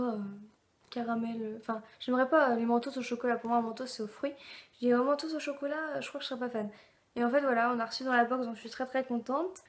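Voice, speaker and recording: Young woman vlogger, high bright voice, rambling unboxing chat, faint hiss. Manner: chatty, rambling, many fillers and restarts. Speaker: beauty and food box vlogger. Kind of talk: casual unboxing chat to camera.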